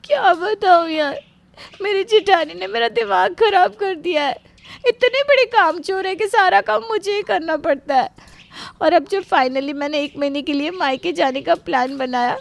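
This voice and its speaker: Woman voicing an indignant young daughter-in-law in an audio story, high-pitched. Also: normal speed, gravelly. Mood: tearful complaining.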